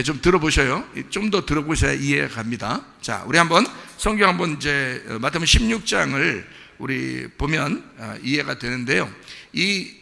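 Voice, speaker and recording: A man's voice: fairly high pitch, creaky, sharp tone, long reverb tail. A male pastor preaching a sermon in a conversational way, quizzing the congregation with repeated questions. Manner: acts out quoted voices to make a point. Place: church sanctuary.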